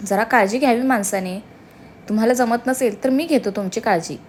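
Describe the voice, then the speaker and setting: A woman's voice: on the high side, brisk, a little mellow, a little hiss or hum, natural voice. A woman voicing a sneering scheming villain. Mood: sly. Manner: sneering, sly.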